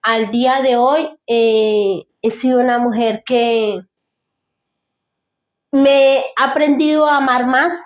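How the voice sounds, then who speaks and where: A woman giving an earnest, devout personal testimony as an interview guest, talking in halting restarts. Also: fairly high pitch, steady tone, lo-fi sound.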